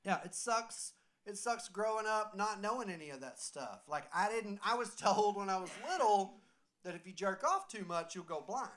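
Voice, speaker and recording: A tipsy man with a Southern accent doing a loud, rambling stand-up set in a small comedy venue. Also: sits high, normal speed. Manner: loud, rambling, excitable delivery.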